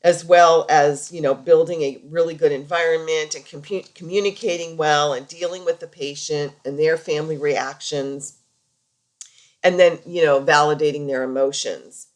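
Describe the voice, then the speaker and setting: Low-pitched woman giving an informal lecture. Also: fairly even intonation, normal speed. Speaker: lecturer, healthcare practitioner. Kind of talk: slide lecture narration, informal.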